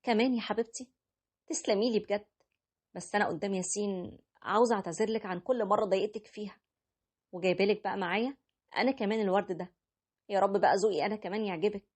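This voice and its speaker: Woman doing older mother-in-law, storybook, warm, quick, husky. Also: medium pitch, natural voice. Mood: tender. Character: older mother-in-law nearing retirement, once haughty. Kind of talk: storytelling with character voices.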